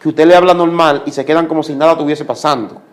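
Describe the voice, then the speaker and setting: A man's voice: on the high side, fairly even intonation, fast. Man giving an emphatic religious testimony. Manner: preacher-like, repeats commands for emphasis.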